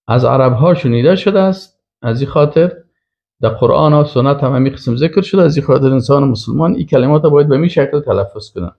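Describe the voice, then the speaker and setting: Gravelly male prof w teaching grammar, quizzing himself out loud, muffled lo-fi sound. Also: mid-range voice. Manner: quizzes himself aloud, drawls out example words. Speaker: professor teaching Arabic grammar. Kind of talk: classroom lecture. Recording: dull lo-fi recording.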